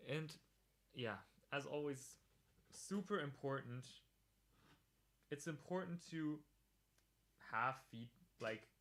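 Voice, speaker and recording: A man in the middle range of pitch hosts a relaxed livestream podcast. He talks casually, laughs often and answers viewers in chat between his points.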